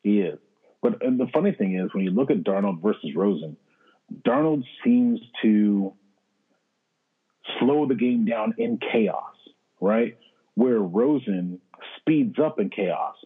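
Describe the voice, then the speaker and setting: Casting: husky, lowish male co-host, emphatic, tinny call-in sound. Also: lively intonation, takes it slowly. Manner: emphatic, preachy. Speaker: podcast co-host. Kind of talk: casual sports chat. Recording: tinny phone-like line.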